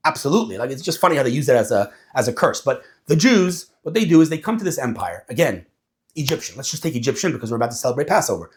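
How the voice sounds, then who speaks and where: A man talking casually to an audience, animated and acting out quoted voices as he explains. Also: mid-range voice, rapid-fire. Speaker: speaker.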